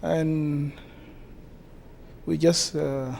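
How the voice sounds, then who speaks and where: A man's voice: a little high, level tone, vocal fry, darkish tone, a little hiss or hum. Hesitant South Sudanese-accented man. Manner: halting, many hesitations. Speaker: guest, community association president. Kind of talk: interview answers.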